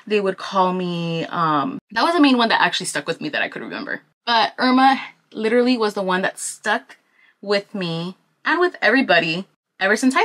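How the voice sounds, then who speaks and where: A woman in her twenties from Anaheim, California, vlogs in a Southern California American accent with a medium pitch. It's a casual get-ready-with-me chat, informal and full of slang, and she turns animated whenever she quotes someone.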